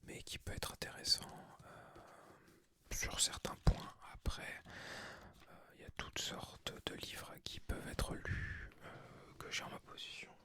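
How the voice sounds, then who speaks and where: A person of unclear sex reads a book aloud for ASMR in a hushed library whisper. The voice is breathy and unvoiced, with a bright, crisp edge. The delivery stays soft throughout. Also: unhurried. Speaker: ASMR creator reading aloud.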